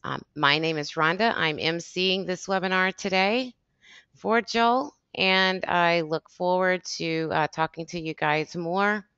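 A woman acting as emcee, introducing a webinar in a friendly, brisk way. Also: fairly low pitch, sharp tone, clear, resonant tone, no room sound, dull audio.

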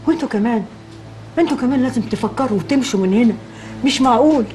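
A woman's voice: high-pitched, a little mellow, natural voice. An actress playing a middle-aged Egyptian mother who scolds stubbornly about money. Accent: Egyptian Arabic. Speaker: mother-in-law.

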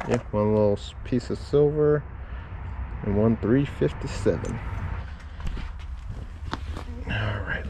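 A reseller sorting through a storage unit gives a slow, casual running commentary, muttering half to himself and perking up when he finds something good. His voice is fairly low. A head-mounted camera records his point of view outdoors, with loud noise under his voice.

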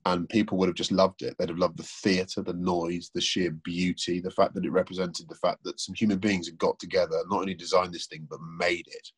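A man speaks in a deep, breathy voice that sits low in his chest. He talks through opinions on cars in a casual interview, thinking aloud and often restarting his sentences. The sound comes over a remote call. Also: level tone, brisk, hardly any pauses. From England. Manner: thoughtful, opinionated, many restarts. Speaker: guest, car presenter.

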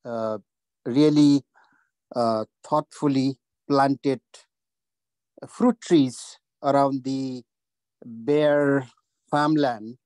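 A man from Nepal with a Nepali accent, asking a question on a video call in a halting way, with many uhs and restarts. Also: medium pitch, fairly even intonation, a little mellow, clean tone, no room sound. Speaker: audience member asking a question. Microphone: video call audio.

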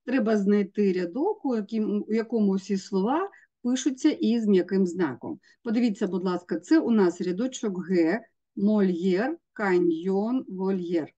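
A woman's voice: mid-range voice, normal speed, mellow, lo-fi sound. A woman teacher, walking students through exam tasks step by step and sounding out letters. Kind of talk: exam prep lesson.

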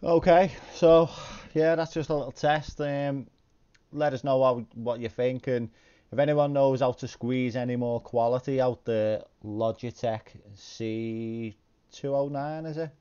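A man's voice: medium pitch, fairly even intonation, a little slow, dark tone, clean tone, lo-fi sound. A man hosting a sim racing video, talking casually to viewers in an informal, somewhat hesitant way at home. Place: indoor home sim rig.

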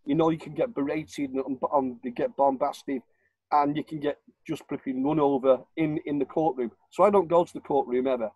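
A man's voice: fairly high pitch, fairly even intonation, brisk, warm tone, breathy edge, no echo, rough recording. An older man with a northern English accent, speaking emphatically as a guest on a home video call. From Warrington, northern England. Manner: emphatic, insistent, repeats his points. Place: living room at home. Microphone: webcam on a video call.

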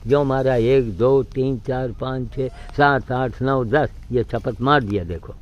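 A man's voice: mid-range voice, takes it slowly, highs cut off. An older man talking outdoors, coaxing animals he is feeding and giving chores to a helper in between. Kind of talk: casual outdoor narration.

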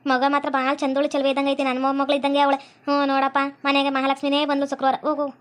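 Woman voicing a bossy older village woman, North Karnataka accent, quick scolding cartoon voice. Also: high voice, monotone, pitched below the performer's own voice, close to an everyday voice. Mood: fussing. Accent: North Karnataka Kannada.

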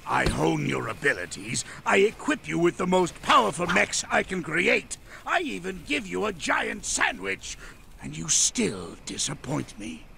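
An actor voicing a pompous, irritable older mad-scientist villain in a video game, with a gravelly, theatrical, commanding delivery. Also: male voice, sits high, big pitch swings, measured pace, sharp tone, slight background noise, exaggerated voice. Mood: scolding. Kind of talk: video game cutscene acting.

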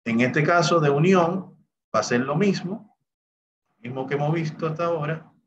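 In this recorded screen-share lesson, a man with a fairly high voice, speaking at normal speed, explains each step of a spreadsheet task in Excel. "Bien" and "entonces" mark his transitions, and the lo-fi audio carries a noisy background.

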